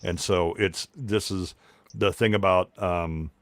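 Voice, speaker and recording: A man's voice: sits low, steady tone, slow, fairly bright tone, no room sound. A man in a casual chat, laying out arguments through rhetorical questions. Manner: reasoned, asks rhetorical questions.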